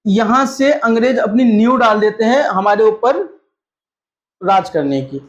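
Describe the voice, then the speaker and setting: A man's voice: high-pitched, measured pace. A man teaching a lesson, asking questions and answering them himself, mixing English terms into his talk. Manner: mixes English terms into Hindi. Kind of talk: classroom-style lecture. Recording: echoey room, slightly dull sound.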